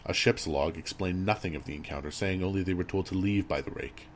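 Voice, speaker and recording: Very deep-voiced man narrating horror. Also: brisk. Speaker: creepypasta narrator. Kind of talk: scripted horror story narration. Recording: audible background noise and ambience.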